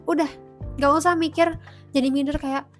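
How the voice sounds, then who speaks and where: A young woman from Indonesia talks casually to her viewers in a bright, high voice. She is chatty and encouraging and mixes English phrases into her sentences. Soft music plays faintly behind her. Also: steady tone, moderate pace. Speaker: vlogger. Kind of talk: casual talking-to-camera vlog.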